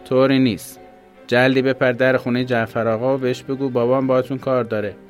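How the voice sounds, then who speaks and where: A man's voice: medium pitch, level tone, soft background music, pitched above the performer's own voice, close to an everyday voice. A man doing a kindly, insistent father. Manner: warm but firm.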